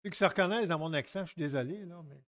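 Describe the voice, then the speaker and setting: A middle-aged man with a Québécois French accent preaching a sermon, lively and joking, often stepping aside to tell stories and acting out quotes. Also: fairly high pitch, rapid-fire. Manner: lively, jokes and digresses, acts out quotes.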